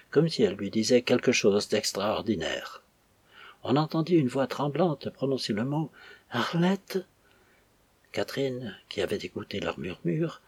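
A man narrating an audiobook in an even, measured reading with a husky voice. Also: lowish voice, no echo.

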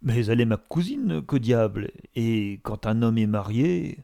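A man's voice: mid-range voice, sing-song, measured pace, gravelly, mellow. A man doing a prudish blustering young gent. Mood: huffy. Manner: stammering, huffy.

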